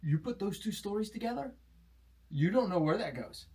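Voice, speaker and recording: A man hosting a casual chat, tossing in dry, deadpan joking asides. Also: sits high, moderate pace. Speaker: comedian host.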